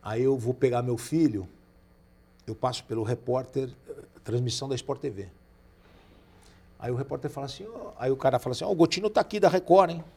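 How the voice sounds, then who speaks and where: Here the Brazilian guest, in his forties, speaks briskly in a mid-range voice with vocal fry and a breathy edge, pausing often. His casual podcast storytelling is lively, and he performs the voices of the people he describes.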